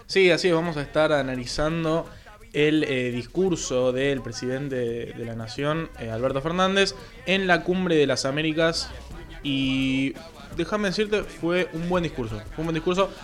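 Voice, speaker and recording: Hesitant Argentine radio co-host. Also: male voice, a little high, moderate pace. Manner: hesitant, filler-heavy. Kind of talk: casual studio radio chat.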